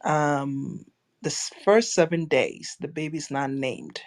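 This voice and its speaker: A woman from Ghana, a returning guest in a reflective spiritual conversation, soft-spoken and thoughtful. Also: low voice, slow. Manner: soft-spoken, thoughtful, often murmurs agreement.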